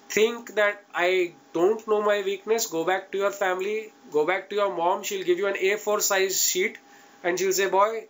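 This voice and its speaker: This low-quality recording captures a man with a high, slightly bright voice and an Indian accent. Coaching students for interviews in an online class, he's blunt and casual, stressing his points and regularly checking that listeners are following.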